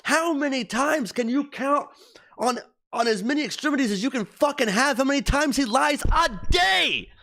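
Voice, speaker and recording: A man's voice: extremely high pitch, animated, moderate pace, bright, forceful tone. Furious man in a profane rant. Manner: heated, profane, repetitive emphasis. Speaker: livestream host. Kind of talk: angry political rant.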